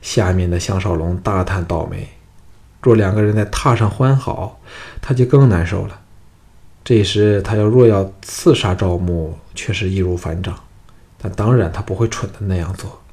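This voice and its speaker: A man narrating a historical novel as an audiobook, in a steady storytelling way. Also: fairly low pitch, moderate pace.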